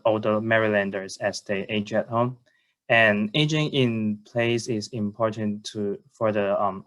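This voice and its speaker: A man presents formally on a video call as a student. His low voice stays very even, and he speaks in a polite, careful way, often hesitating and repeating words.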